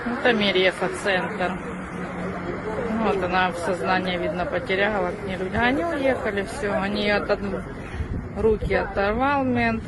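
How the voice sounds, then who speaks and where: A man's voice: high-pitched, unhurried. A man filming on a street and indignantly pointing out what is happening. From Ukraine. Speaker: bystander filming. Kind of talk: live street commentary. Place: outdoor street. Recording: loud crowd street noise.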